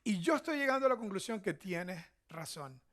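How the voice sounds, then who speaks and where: His high-pitched voice swings widely in pitch, keeping a normal speed and a fairly bright tone. He is a church pastor with a Venezuelan Spanish accent, delivering a conversational teaching sermon peppered with short tag questions to check in.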